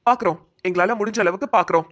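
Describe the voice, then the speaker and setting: A woman voicing a calm, reassuring doctor. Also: on the low side, racing. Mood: calm explaining. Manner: calm, soothing, explanatory. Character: calm hospital doctor, gently explaining. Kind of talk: cartoon voice acting.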